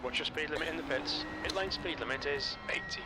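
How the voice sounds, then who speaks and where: A man's voice: a little high, brisk. A man acting as race engineer and spotter, giving clipped, matter-of-fact callouts over a race car team radio that sounds distant. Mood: calm. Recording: loud engine noise behind.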